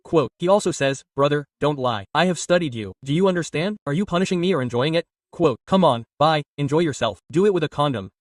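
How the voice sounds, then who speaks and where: A man with a somewhat high voice narrates a comic story recap. He reads every character's line in his own steady narrating voice. The recording is dry, with the mic set a little away from him. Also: a little fast, hardly any pauses, dry recording, recorded from a distance.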